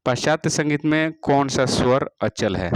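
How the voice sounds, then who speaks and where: A man teaching music, reading out practice exam questions and their answers one by one, repeating each question and adding a steady "all right" after each answer. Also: medium pitch, moderate pace, background noise. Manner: repeats each question, fills with "theek hai ji".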